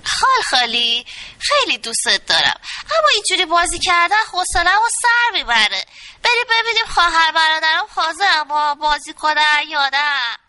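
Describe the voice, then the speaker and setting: A woman's voice: extremely high pitch, heavily acted. A woman doing an eager little boy bunny. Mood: bored. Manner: animated, childlike, lively rises. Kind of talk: storybook reading.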